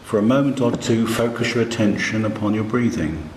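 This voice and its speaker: A man narrating a guided meditation in a calm, hushed, soothing manner, with long pauses between short phrases. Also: fairly low pitch, reverberant, a little hiss or hum, poor audio.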